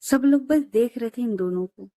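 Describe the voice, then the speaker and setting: A woman's voice: on the high side, moderate pace, dark tone, no echo, studio quality. A woman storyteller narrating a story in a chatty, friendly way, talking to listeners like friends.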